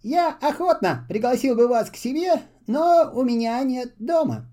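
A man's voice: very high-pitched, lively intonation, moderate pace, mellow, voice pushed up. A man voicing a cheerful, eager little male traveler in a children's story, full of exclamations.

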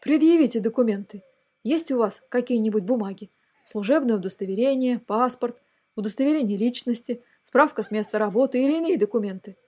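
A woman's voice: medium pitch, moderate pace, darkish tone, lightly acted. A woman voicing a dutiful male police officer who speaks with formal official strictness. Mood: stern.

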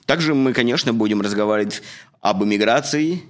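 A man's voice: mid-range voice, a little fast. A man in his thirties from Russia, co-hosting a casual podcast and talking earnestly with fillers. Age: 30s. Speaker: podcast co-host. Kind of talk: casual chat.

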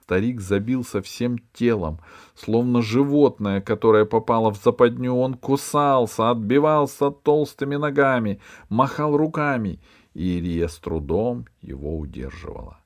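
A man narrating a children's adventure audiobook in an even storytelling manner. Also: medium pitch, normal speed. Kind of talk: scripted narration.

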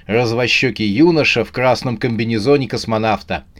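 Male storyteller, playful and lively, middle pitch, audiobook reading. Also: fairly quick. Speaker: narrator. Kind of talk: scripted audiobook narration.

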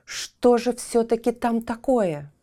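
A bold, curious young boy from a storybook, acted by a woman storyteller, eager and determined. His voice sits clearly higher than the reader's own. He presses his questions and stands firm. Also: expressive, slow, dark tone. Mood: insistent.

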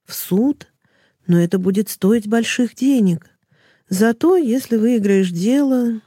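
A woman's voice: on the high side, expressive, slow pace, warm tone, breathy edge, dry recording, studio quality, exaggerated voice. A woman voicing a worried, kindly peasant mother who pleads and frets.

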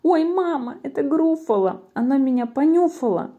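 A woman voicing a tiny, cheeky male mouse in a rhyming storybook, squeaking and bragging. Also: moderate pace, breathy edge, dull audio. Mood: gleeful, startled. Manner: cheeky, excited, shouting greetings. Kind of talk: storybook reading in verse.

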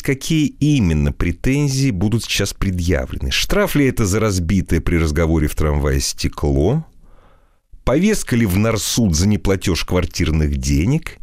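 Guy reading a novel aloud, low voice, very animated, dry close mic. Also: no echo. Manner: lively, dramatic storytelling. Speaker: audiobook narrator. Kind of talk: expressive audiobook reading.

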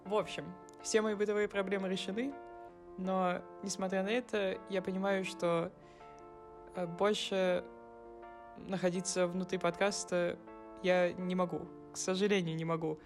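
A woman's voice: mid-range voice, flat delivery, normal speed, over music. Rambling woman in her twenties. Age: 20s. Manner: rambling, self-correcting, wry. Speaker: former podcast co-host. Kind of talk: recorded personal message.

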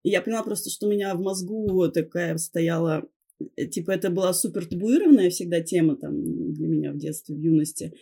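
A woman's voice: lowish voice, a little fast, warm tone, husky. A woman in her thirties or older, a podcast guest telling personal stories casually and candidly, with self-mockery and swearing. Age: 30s or older. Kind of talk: casual confessional storytelling.

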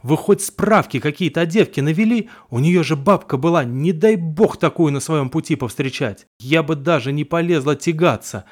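A man's voice: a little high, normal speed, few pauses, close to an everyday voice. Male narrator doing a stern, commanding old village healer woman; harsh and raised.

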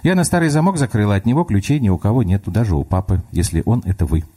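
A man's voice: lowish voice, lively intonation, quick pace, mellow, breathy edge. A man voicing a small, stubborn and suspicious girl in a comic radio story. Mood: matter-of-fact. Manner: childish, wary, prim.

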